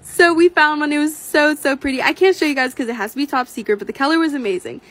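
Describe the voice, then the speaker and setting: A woman's voice: sits high, fast, fairly bright tone. An eighteen-year-old woman narrating a vlog voice-over in a gushing, upbeat storytelling way. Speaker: vlogger.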